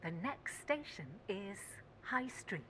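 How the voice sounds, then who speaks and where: A woman's recorded onboard train announcements, built from spliced-together words with a measured, even delivery. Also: medium pitch. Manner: slow, measured, even phrasing. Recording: long reverb, faint background noise.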